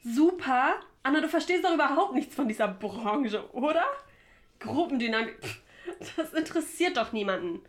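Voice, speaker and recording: A woman's voice: high-pitched, lively intonation, moderate pace. [name], a woman playing a ruthless TV producer. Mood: angry. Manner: snappy and domineering, shouts when angry. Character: ruthless ratings-obsessed female TV producer. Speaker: production manager. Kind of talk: audio drama acting.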